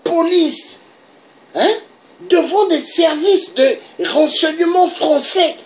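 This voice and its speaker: Her pitch is extremely high and her delivery slow, with a little hiss or hum on the recording. A Congolese woman who works as a political commentator, she drives home her arguments in a passionate monologue. Again and again she adds an emphatic, rhetorical "hein?".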